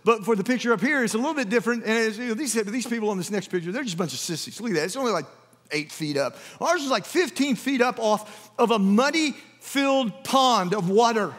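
High-voiced man preaching in a church hall. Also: lively intonation, a little fast, fairly bright tone. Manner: folksy storytelling with many asides. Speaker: pastor. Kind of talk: sermon. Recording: long reverb of a church hall.

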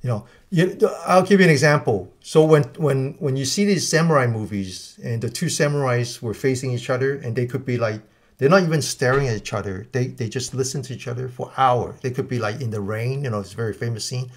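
Male guest teacher, mid-pitched, halting delivery full of restarts. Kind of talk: live Q&A explanation.

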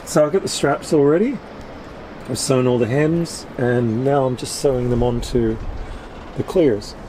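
A man in his fifties, speaking at a medium pitch and a little slowly, shows how he handles a repair on his anchored sailboat, explaining each step as he works. Wind and ambient noise from the open deck are audible on the camera mic.

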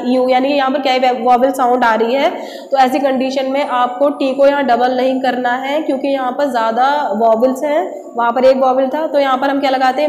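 High-voiced woman teaching, echoey room. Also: a little mellow, slight background noise. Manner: repeats rhetorical questions, slow and patient. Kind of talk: grammar lesson for children. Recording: echoey room with long reverb.

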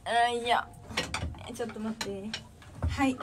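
A woman's voice: on the high side, fairly even intonation, a little slow, distant mic, heavy background noise. A young woman with a Kansai accent chatting casually on a livestream, reading viewer comments and thanking fans one by one. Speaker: drummer livestreamer.

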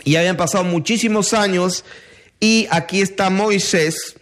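A man giving a Bible teaching, reading scripture aloud and explaining it with many pauses. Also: sits high, a bit bright. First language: not Hebrew.

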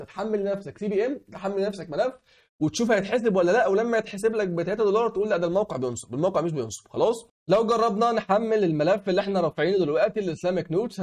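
Hosting a screen-recorded tutorial, a young Egyptian man explains a website with an Egyptian Arabic accent. A cold has made his high voice hoarse, and its tone is darkish. "Okay?" he asks the viewer again and again.

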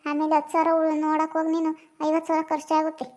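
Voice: high voice, completely flat delivery, racing, a little mellow, natural voice. A performer voicing a young grandson in a comedy cartoon, sulking at his grandmother and then coaxing her. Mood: reassuring. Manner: sulky, reproachful.

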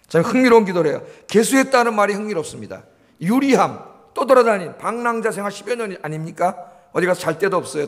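In a church sanctuary with a long, hall-like reverb, a male pastor delivers a forceful sermon in a high-pitched, somewhat bright voice. He hammers key phrases through repetition and asks his congregation questions.

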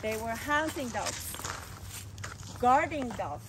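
This earnest woman has a high voice with lively intonation and talks slowly, offering dog tips in a casual vlog. She's a dog owner filming outdoors on a wooded hiking trail, with a companion holding the camera a few steps away. The outdoor handheld audio is noisy.

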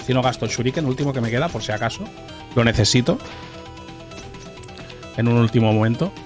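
A man's voice: mid-range voice, brisk. A man with a Castilian Spanish accent giving casual, sweary gameplay commentary, talking to himself as he plays. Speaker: gaming streamer. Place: small indoor streaming room. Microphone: boom-arm microphone close up. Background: video game music.

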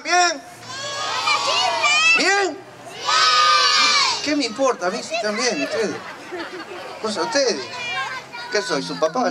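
A man with a Rioplatense Argentine accent, a puppeteer teaching a workshop and joking playfully with children. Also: high-pitched. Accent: Rioplatense Argentine Spanish. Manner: playful, teasing banter with children. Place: outdoor town square. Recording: outdoor crowd and street noise.

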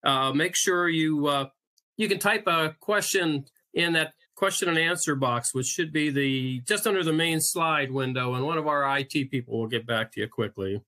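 A man's voice: fairly high pitch, moderate pace, bright, forceful tone. A man, a magazine editor, opening and hosting a webinar with a scripted introduction and a light joke now and then.

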